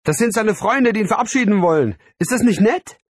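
A man voicing an excitable, cheerful middle-aged mother in an audiobook, speaking in an eager, gushing tone. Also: high-pitched, fairly quick, husky, dry recording, pitched above the performer's own voice. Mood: delighted. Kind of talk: audiobook character voice.

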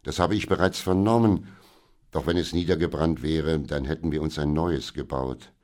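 Wise old storybook merchant, soothing and measured, very deep voice, read by a male narrator. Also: fairly even intonation, a little mellow. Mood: calm. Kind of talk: audiobook character reading.

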